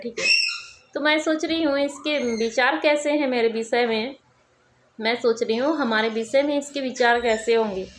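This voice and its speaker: A young woman telling a personal story in a casual vlog, chatty and keeps checking in with her listener. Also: on the high side. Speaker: vlogger.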